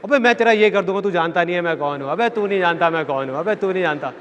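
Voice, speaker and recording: A man's voice: high voice, lively intonation, quick pace, fairly bright tone, big-room sound, dull audio, a little hiss or hum. A man doing a brash threatening street brawler. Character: boastful male street brawler at a traffic light.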